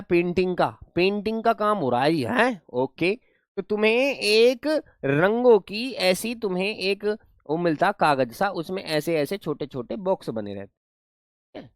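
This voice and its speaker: A man's voice: high-pitched, lively intonation, normal speed, no echo, clean studio sound. A young man teaching a live online class in a playful, coaxing way, repeating words for his pupils.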